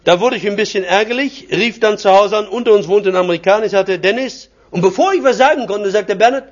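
A man's voice: high voice, fast talker. An older man preaching a personal sermon, telling stories from his own life with chuckles mixed in. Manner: anecdotal, chuckling storyteller. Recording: dull lo-fi recording.

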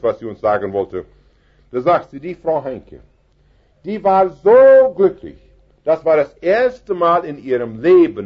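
A man delivers an evangelistic sermon in a husky, carrying voice that swings widely in pitch. He drops to near hushes and then rises to fervent, emphatic cries. The recording is dull and lo-fi. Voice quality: penetrating voice. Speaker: preacher.

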